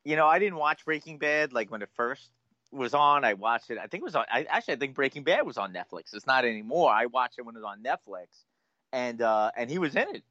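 Animated man on dull lo-fi audio. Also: medium pitch, fast talker, dry recording. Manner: animated, filler-heavy, self-deprecating. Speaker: podcast co-host. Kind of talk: casual chat.

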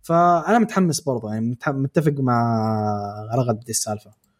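Fast-talking man. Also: medium pitch. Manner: frank, opinionated, teasing. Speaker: podcast co-host. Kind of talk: casual chat about anime.

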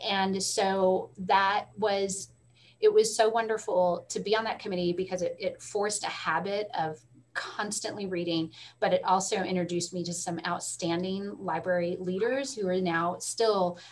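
A middle-aged woman, a school librarian guest telling stories in a casual interview, animated, with quick asides. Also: medium pitch, a little hiss or hum. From Texas. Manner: animated storyteller, quick asides, frequent laughs.

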